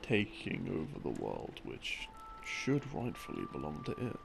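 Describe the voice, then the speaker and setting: An audio creator voices a boyfriend explaining game lore, wandering through it in a relaxed, intimate way with wry, halting asides. His voice is extremely low with huge pitch swings, measured pace and vocal fry, and there's background noise along with soft game theme music.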